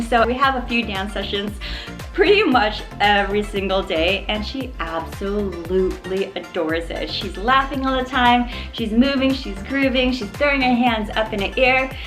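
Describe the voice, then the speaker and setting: Upbeat young mom chatting to viewers. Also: female voice. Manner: chatty, upbeat, addresses viewers as you guys; mimics baby sounds in a high playful voice. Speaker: mom vlogger. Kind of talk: casual baby update vlog. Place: home living room.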